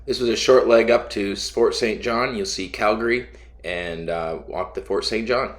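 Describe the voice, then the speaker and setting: Man, very low voice, pilot, unscripted travel narration, plain-spoken, halting delivery. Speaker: pilot narrating his own flight video.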